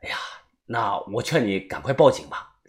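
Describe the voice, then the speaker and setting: A man voicing a middle-aged jade shop owner who scolds in a hurried, fretful way. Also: mid-range voice, lively intonation, voice pushed down, close to an everyday voice. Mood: scolding.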